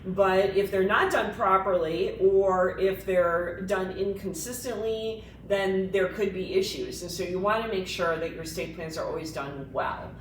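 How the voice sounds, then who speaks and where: Woman attorney, co-host, animated explainer; echoey room, off-mic, faint rumble. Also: measured pace, hardly any pauses, far from the mic. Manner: explanatory, animated, laughs easily. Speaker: estate planning attorney, co-host. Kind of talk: casual professional discussion.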